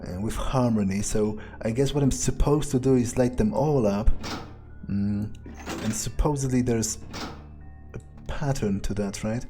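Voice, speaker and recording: Over music, a gamer speaks at a measured pace in a mid-range voice, musing aloud in character during a playthrough. He comes across as sardonic and hesitant, with some casual swearing.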